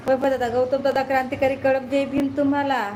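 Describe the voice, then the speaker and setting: A woman hosting a casual live stream on her phone, greeting viewers one by one by name and loudly checking that they can hear her. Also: high voice, level tone, brisk, slight background noise, poor audio. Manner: loud, greets viewers by name, keeps asking if she is heard. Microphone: phone held close.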